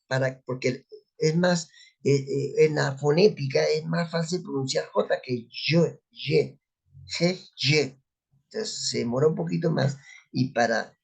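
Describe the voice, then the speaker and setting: A man's voice: medium pitch, gravelly, a little mellow, slightly rough. A man giving an unscripted Bible teaching, asking rhetorical questions and answering them himself. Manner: spoken, unscripted, with restarts. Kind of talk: religious teaching talk.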